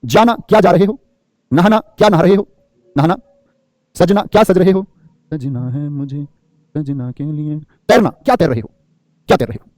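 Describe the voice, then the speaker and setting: A man's voice: sits high, animated, moderate pace, long pauses, a little mellow, no echo, clean studio sound. A man teaching grammar in a classroom lecture, firing rhetorical questions and playing the students' answers himself, often calling his listeners friend.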